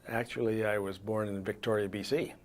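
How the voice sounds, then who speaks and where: An older man with a low voice, speaking calmly and steadily. He recounts his past plainly and without fuss, like a retired principal being interviewed. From Saskatchewan. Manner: calm, measured, matter-of-fact. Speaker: guest, retired school principal. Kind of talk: interview answers.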